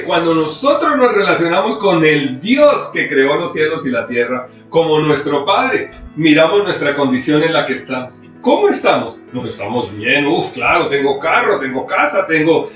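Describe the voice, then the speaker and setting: A Colombian man preaching a sermon as pastor, his voice swinging between loud high bursts and quiet low stretches. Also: big pitch swings, moderate pace, heavy reverb, recorded from a distance, faint music behind. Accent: Colombian Spanish. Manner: preaching with sudden rises and drops in pitch and loudness. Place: church.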